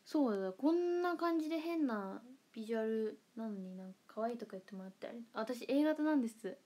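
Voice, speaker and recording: A woman's voice: fairly high pitch, animated, brisk, dark tone. A young woman with a Kansai accent, chatting playfully on a livestream and reading comments aloud, with frequent giggles and murmured asides. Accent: Kansai Japanese. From Kansai, Japan. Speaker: idol livestreamer.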